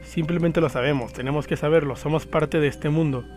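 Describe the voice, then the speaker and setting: Eerie, bossy sixteen-year-old twin sisters, as a man reads them from a game. The lines come calm and insistent in a fairly high male voice, over faint music. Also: a little fast, lightly acted.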